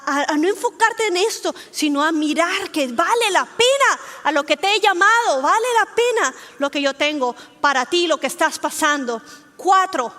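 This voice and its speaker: A woman with a high voice gives a sermon built around her own story. She tells it with energy and voices the people in it as she goes. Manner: lively storytelling, acts out dialogue. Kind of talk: sermon with personal testimony.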